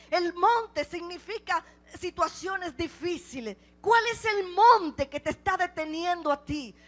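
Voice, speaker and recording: High, bright-voiced woman preaching fervently. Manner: impassioned, repeats rhetorical questions; swings between loud exclamations and hushed passages. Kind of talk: sermon.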